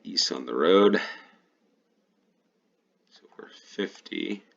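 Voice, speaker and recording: An American man talks through a geography game in a relaxed, thinking-aloud way, often correcting himself. His voice sits extremely low with a gravelly fry. It comes through a slightly dull, lo-fi mic. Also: extremely slow. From United States. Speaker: GeoGuessr player and host. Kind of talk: casual gameplay commentary.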